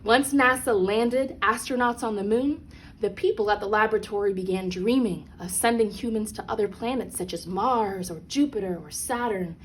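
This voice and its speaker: Speaking in a mid-range voice at a moderate pace, a female storyteller reads a children's picture book with expression and puts dramatic stress on important phrases. The audio quality is poor, though there's no background noise.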